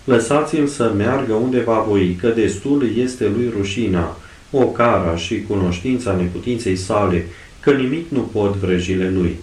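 A man voicing an aged male apostle who prays in slow, devout intoning, recorded in an echoey room away from the mic. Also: lowish voice, a little mellow, far from the mic, close to an everyday voice.

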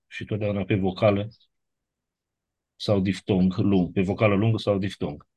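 A man's voice: on the low side, little pitch movement, darkish tone, husky. A man teaching a class, going methodically through grammar rules and checking understanding with short tag questions. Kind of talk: classroom lecture reviewing grammar.

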